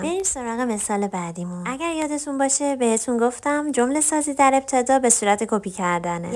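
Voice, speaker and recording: Woman as online language teacher; patient, repeats examples slowly, quizzes viewers. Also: on the high side. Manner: quizzes viewers and praises their answers. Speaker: English teacher.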